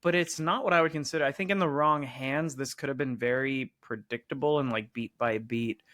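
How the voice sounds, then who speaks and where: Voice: medium pitch, fairly quick, a bit bright. A co-host of a film podcast, chatting casually in an easygoing way and laughing along.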